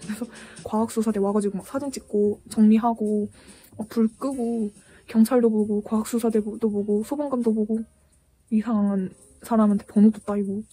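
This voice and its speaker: A woman's voice: medium pitch, slightly rough. A young woman vlogger telling a story in casual chat, acting out the quoted lines as she goes. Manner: animated retelling with acted-out quotes. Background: soft background music.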